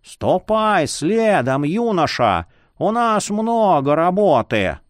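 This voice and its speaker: A man voicing a jovial, wheedling old male librarian with a creaky, cackling voice. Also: sits high, very animated, slow pace, voice pushed up, full character voice.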